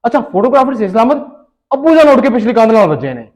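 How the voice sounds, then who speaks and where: A man with a Punjabi accent telling a funny story in a casual, animated way, switching into Punjabi for the quoted lines. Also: extremely high pitch, quick pace. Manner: animated, switches between Urdu narration and Punjabi quoted dialogue. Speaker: comic storyteller.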